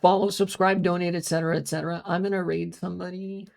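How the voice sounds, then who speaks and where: Fast and flat, with a gravelly medium-pitched voice, an American streamer rambles through a casual monologue. There's plenty of swearing, trailing filler sounds and replies to chat.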